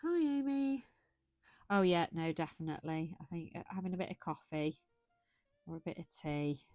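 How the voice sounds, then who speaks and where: A woman's voice: low voice, normal speed, a little mellow, no echo, lo-fi sound, faint music behind. A tired, yawning British woman hosting a colouring livestream, rambling chattily and correcting herself as she goes. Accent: British English. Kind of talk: casual chat while colouring.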